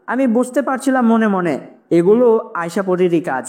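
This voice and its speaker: Story narrator for a spoken horror tale; keep it even and plain, mid pitch. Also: normal speed.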